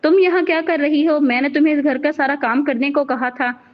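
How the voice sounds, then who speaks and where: A harsh, cold mother who scolds angrily, voiced by a woman. Her voice is high, and the recording is dull and lo-fi. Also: normal speed, close to an everyday voice. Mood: scolding. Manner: angry scolding.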